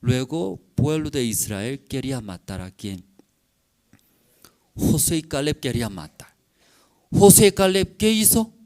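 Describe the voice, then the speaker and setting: Emphatic preacher a higher, unhurried voice. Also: male voice. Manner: emphatic, repeated rhetorical questions to the congregation; builds up to near-shouting peaks, then drops low. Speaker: pastor. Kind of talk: sermon.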